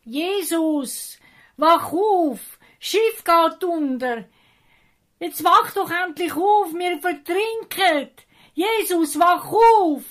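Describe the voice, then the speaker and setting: A woman with a Swiss German accent voicing panicked male disciples who shout frantically in a storm, in a storybook for children. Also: very high-pitched, animated, extremely slow, pitched above the performer's own voice, full character voice.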